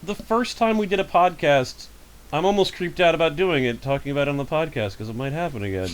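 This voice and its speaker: A man hosting a casual podcast over a voice call, telling rambling, animated stories. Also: on the high side, quick pace. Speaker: podcast host. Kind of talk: casual chat. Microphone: home microphone over a voice call.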